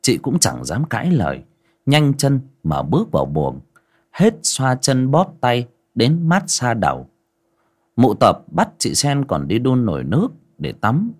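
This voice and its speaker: A man narrating a folk story in a vivid, expressive way. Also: medium pitch, a little slow, breathy edge.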